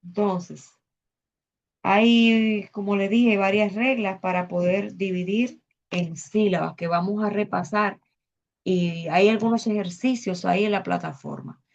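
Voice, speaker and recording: A woman teacher explaining spelling rules in a measured way, pausing often on filler sounds. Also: mid-range voice, steady tone, creaky. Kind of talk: recorded spelling lesson. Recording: dull lo-fi sound.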